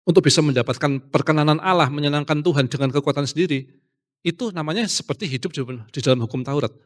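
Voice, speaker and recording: A man preaching a casual youth sermon, animated, acting out quoted voices and slipping in English phrases. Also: on the high side, quick pace.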